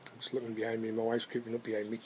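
A man's voice: mid-range voice, rapid-fire. Middle-aged guy rambling to the camera, held at arm's length out in a garden, birds and faint noise behind. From England. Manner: chatty, relaxed, thinking aloud with ums. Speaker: homebrew vlogger reviewing beer and cider. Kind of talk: casual chat to camera. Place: garden outdoors on a sunny day.

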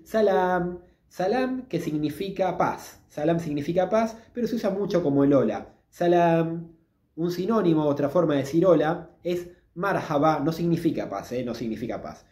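A man with a Rioplatense Spanish accent, giving a casual video lesson on Arabic greetings and slowly repeating each word for practice. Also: on the high side, dark tone, reverberant. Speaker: Arabic language teacher.

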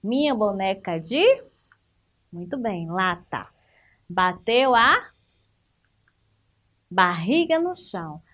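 A woman's voice: mid-range voice, very animated, slow, long pauses, fairly bright tone, highs cut off. A woman with a Brazilian Portuguese accent, teaching a remote school lesson, explaining step by step, asking the class questions and praising answers.

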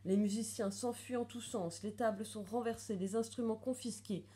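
A woman's voice: a little high, steady tone, moderate pace, warm tone. A woman reading a children's storybook aloud expressively, doing voices for the characters.

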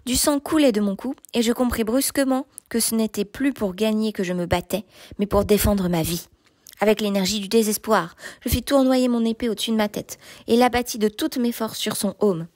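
Woman reading a story aloud, kinda high voice, steady and measured, dry close sound. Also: no room sound. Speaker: narrator. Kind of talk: audiobook reading of a novel.

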